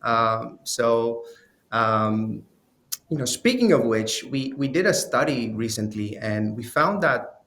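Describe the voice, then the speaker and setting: A man's voice: medium pitch, fairly bright tone. A man moderating an interview, asking loose, friendly questions with many "you know" fillers.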